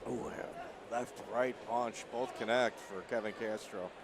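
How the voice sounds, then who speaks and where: A man's voice: medium pitch, fairly even intonation, unhurried. A man giving live play-by-play commentary on a fight. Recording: noisy venue background.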